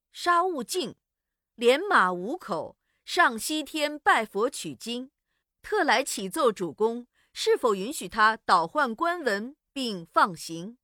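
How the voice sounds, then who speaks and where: A man voicing polite, fussy female court officials with a high, formal manner. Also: bright, forceful tone, dry recording, studio quality, exaggerated voice.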